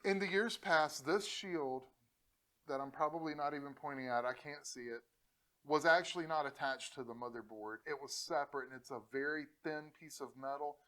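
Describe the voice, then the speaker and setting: A man's voice: fairly high pitch, normal speed, a bit bright, rough recording. A man hosting a PC-building tutorial, talking casually to the camera, joking and laughing often while encouraging viewers. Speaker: host of a PC-building channel.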